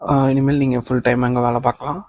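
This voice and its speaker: A man with a medium-pitched, near-everyday voice talks fast as he reads a kind male office boss in a novel's audiobook. He sounds calm and reassuring and mixes in English phrases.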